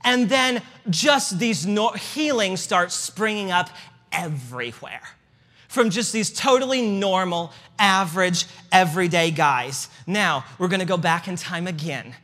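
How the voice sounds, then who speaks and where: A church history speaker with a Midwestern accent gives a casual lecture with slides in a hall with reverb. His high-pitched voice is lively in intonation, a little slow, pushed and bright. He is chatty and conversational, tossing in joking asides and many fillers.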